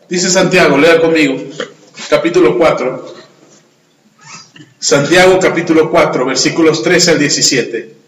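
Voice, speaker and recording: A pastor preaching a sermon and telling stories, often putting questions to the congregation. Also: male voice, sits high. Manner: storytelling, asks the congregation questions. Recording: echoey hall, long reverb.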